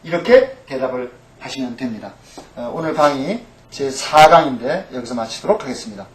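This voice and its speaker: A man's voice: mid-range voice, animated, moderate pace, a little hiss or hum. A middle-aged pastor teaching a Hebrew class, patiently repeating each letter name and asking questions that he then answers himself. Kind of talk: recorded language lecture. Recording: echoey room, mic at a distance.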